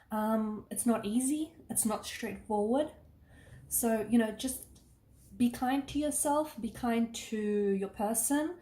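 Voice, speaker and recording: A woman reads tarot in an earnest, reassuring way, padding her speech with "you know" and "okay". Her voice sits fairly high, with a mellow tone that sounds a bit worn from overuse. The room has an audible echo. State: losing her voice. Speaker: tarot reader. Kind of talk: casual tarot reading to camera.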